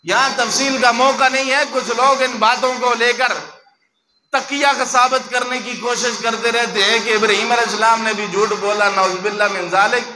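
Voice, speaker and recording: High-voiced male preacher over background noise. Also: moderate pace. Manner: acts out quoted speakers in changed voices. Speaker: mufti preacher. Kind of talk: religious sermon, storytelling. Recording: clear steady background noise.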